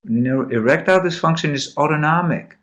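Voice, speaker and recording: A man's voice: fairly high pitch, a little fast, a bit bright. A man giving a live medical lecture in a classroom, quizzing students and repeating key points. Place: lecture room.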